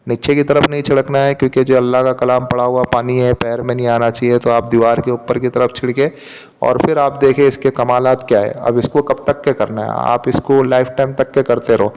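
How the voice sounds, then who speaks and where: A man's voice: mid-range voice, little pitch movement, fairly quick, a little mellow, clean tone, big-room sound. A man giving religious instruction on a spiritual remedy, explaining each step and repeating his points. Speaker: religious teacher.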